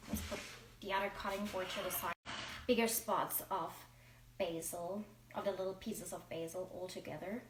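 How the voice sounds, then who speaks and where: A woman's voice: mid-range voice, slight background noise. A woman with a German accent, chatting casually through a cooking demonstration and now and then hunting for the English word. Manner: chatty, searching for English words. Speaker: cooking vlogger. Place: home kitchen. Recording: echoey kitchen, mic at a distance, clattering dishes.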